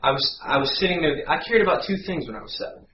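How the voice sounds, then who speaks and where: A man telling a lively story in a sermon, acting out voices and sound effects as he goes. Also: fairly high pitch, quick pace. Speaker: guest preacher. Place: church sanctuary. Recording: echoey church, dull sound, faint hum.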